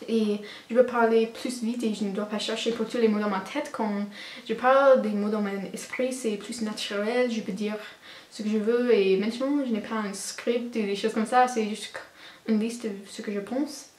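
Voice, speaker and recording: Speaking French as a learner with an English Canadian accent, this teen girl from Canada vlogs off the cuff, pausing to find the right words. Her fairly high voice has a darkish tone and fairly even intonation at a moderate pace, and the room echoes.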